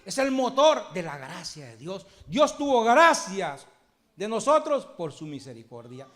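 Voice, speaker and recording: A man preaching a sermon, swinging between loud shouted lines and hushed low ones. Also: big pitch swings, unhurried. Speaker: pastor.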